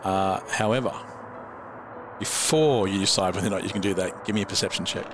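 A man narrating as dungeon master, relaxed and rambling, often chuckling. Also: deep voice, brisk, noisy background. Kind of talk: narrating a tabletop game.

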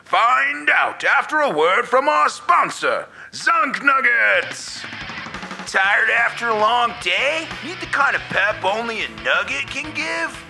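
A hyped male announcer bellows an overblown sales pitch over a music bed, as a man puts it on. His voice has a gravelly edge and swings widely up and down. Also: animated, takes it slowly, pushed and bright, full character voice. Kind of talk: spoof radio ad.

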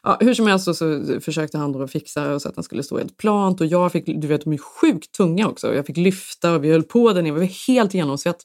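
A woman with a somewhat low voice tells a story in a loose, chatty way. She jumps into quoted lines with lively energy and laughs along. The sound is dry and close. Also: hardly any pauses, no echo. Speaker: podcast host. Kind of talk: casual storytelling chat.

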